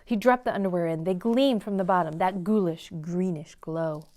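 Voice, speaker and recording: Reading a picture book to a group of children at the library, a woman puts dramatic weight on key words. Her voice sits fairly low, a little mellow, and moves at a normal speed.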